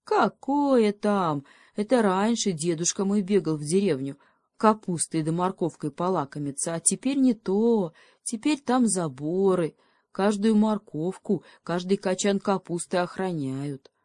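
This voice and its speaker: A woman voicing a timid, kind little male hare who speaks high and excitable. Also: a little slow, dry recording, lightly acted. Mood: explaining.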